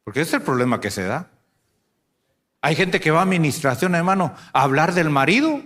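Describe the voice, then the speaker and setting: A man preaching a sermon to a congregation, asking rhetorical questions and swinging between loud and hushed delivery. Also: fairly high pitch, big pitch swings, fairly quick. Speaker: pastor.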